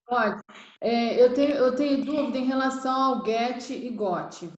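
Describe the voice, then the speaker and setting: A woman's voice: fairly high pitch, measured pace. A woman student asking her teacher a question over a video call, a little hesitant. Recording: roomy, dull video-call audio.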